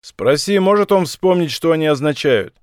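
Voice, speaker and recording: A man's voice: a little high, lively intonation, normal speed, no echo, clean studio sound, natural voice. A man voicing a scarred elderly male gang leader who gives short, firm orders. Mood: curt commands. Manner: curt, commanding.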